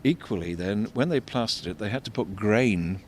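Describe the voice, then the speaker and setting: An older man giving unscripted commentary as an architect and local guide, discursive and explanatory, halting and repeating words. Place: outdoors in a shopping street. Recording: vehicle rumble, street noise. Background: faint street traffic rumble.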